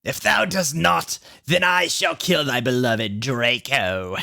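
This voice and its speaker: Man doing a drawn-out, cruel dark wizard villain. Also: mid-range voice, gravelly, dry recording, studio quality, heavily acted. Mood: menacing. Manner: archaic, drawn-out, domineering.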